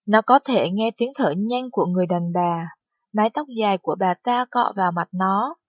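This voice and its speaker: Husky woman narrating an audiobook. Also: medium pitch, moderate pace, dry recording. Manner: steady storytelling delivery. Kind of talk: scripted narration.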